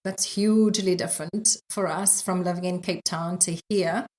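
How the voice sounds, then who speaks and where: Give me a middle-aged South African woman chatting casually in an interview, relaxed and full of fillers. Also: lowish voice, normal speed. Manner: relaxed storytelling with frequent fillers and light laughs. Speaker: guest, yoga instructor.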